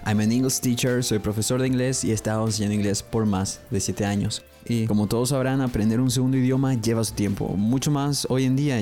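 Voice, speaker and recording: A young man teaching English on a podcast, explaining phrases and slowly repeating each model pronunciation twice. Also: mid-range voice, dark tone. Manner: explanatory, addresses listeners directly. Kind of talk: podcast language lesson.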